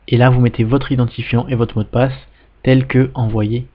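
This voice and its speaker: Patient man explaining software steps. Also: mid-range voice, level tone, normal speed, phone-quality sound. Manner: patient step-by-step explaining, frequent "d'accord?" checks. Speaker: web tutorial instructor. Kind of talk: screen-recorded software tutorial.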